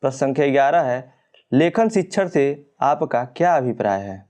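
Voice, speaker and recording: Man reading exam answers with a mellow voice. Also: mid-range voice, expressive, moderate pace. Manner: explains step by step, corrects the printed answers. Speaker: teacher. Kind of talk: exam-prep lesson reading questions and answers.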